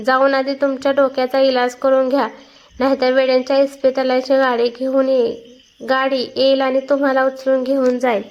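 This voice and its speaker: A woman reading a story aloud and voicing a calm, firm, kind young woman. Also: high-pitched, normal speed, muffled recording. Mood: angry. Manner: calm, then sharp.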